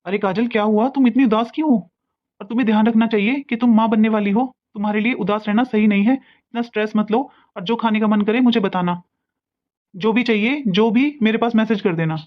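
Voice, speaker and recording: A woman voicing a caring, gentle young husband in an animated cartoon, speaking in a reassuring way. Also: a little high, a little fast, highs cut off, lightly acted.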